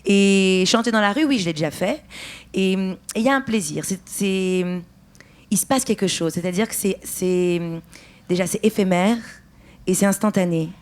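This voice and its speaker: A woman's voice: medium pitch, normal speed. Thoughtful woman, stage writer. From France. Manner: thoughtful, searching for words with restarts. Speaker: actress and writer, interview guest. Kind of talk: festival interview.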